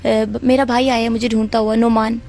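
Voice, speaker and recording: A young woman with a Pakistani Urdu accent, giving an interview and telling of her ordeal in an earnest, steady way. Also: on the high side. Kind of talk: emotional personal account.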